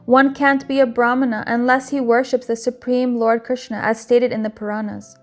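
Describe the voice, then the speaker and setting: A woman's voice: a little high, little pitch movement, normal speed, soft background music, lightly acted. A woman voicing a young male divine teacher in a scripture reading, fervent and earnest. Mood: stern. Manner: earnest, instructive reading of quoted speech.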